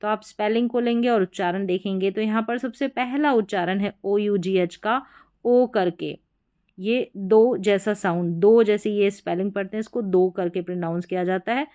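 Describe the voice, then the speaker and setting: A young woman teaching English pronunciation, spelling out letters slowly and repeating each word several times. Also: medium pitch, dark tone. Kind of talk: explanatory lesson.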